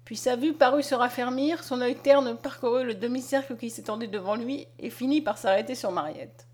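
A woman narrating a classic novel aloud in a steady, measured reading voice. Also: on the high side, breathy edge. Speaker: audiobook reader. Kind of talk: storytelling narration.

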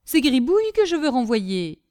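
A woman's voice: high-pitched, sing-song, normal speed, no room sound, clean studio sound. A woman playing an irritated lady of the house. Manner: sharp, impatient questioning.

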